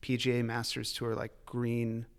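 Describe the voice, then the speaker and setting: A creaky but clean medium-pitched voice belongs to a liquor retailer guesting on a podcast. Unhurried and monotone, he wanders through his stories, laughing a lot and dropping swear words.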